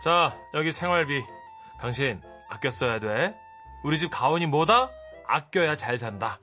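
Man acting out a smug, bright-voiced stingy husband. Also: on the high side, expressive, unhurried, soft background music. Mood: smug, firm. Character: stingy, controlling husband in his fifties, smug. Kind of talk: comic radio reenactment of a listener's story.

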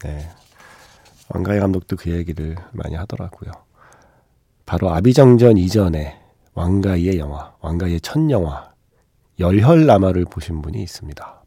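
A male radio host talks in a low, very mellow voice that is clearly nasal and blocked by a stuffy nose. He tells stories conversationally, pausing and exclaiming, with a gravelly creak underneath. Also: dry recording, studio quality. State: stuffy nose from seasonal rhinitis. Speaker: radio film-music show host. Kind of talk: conversational radio hosting, storytelling. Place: radio studio.

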